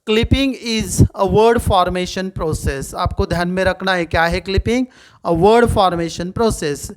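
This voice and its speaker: A middle-aged man with an Indian English accent, teaching a video lesson in a mix of Hindi and English and asking himself questions as he explains. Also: high-pitched. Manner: asks rhetorical questions and answers them himself.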